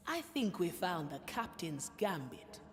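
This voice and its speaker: Wry, slow-talking pirate adventurer. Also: female voice, on the low side, big pitch swings, a little hiss or hum. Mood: wry, curious. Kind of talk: scripted game voice acting. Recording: long hall-like reverb.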